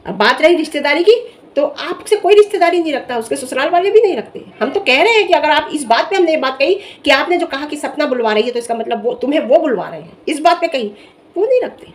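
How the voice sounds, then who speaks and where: A woman's voice: high-pitched, fast talker, a little hiss or hum. A young woman vlogger giving an emphatic, scolding commentary to camera. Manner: scolding, emphatic, animated rant. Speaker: vlogger reviewing social media drama.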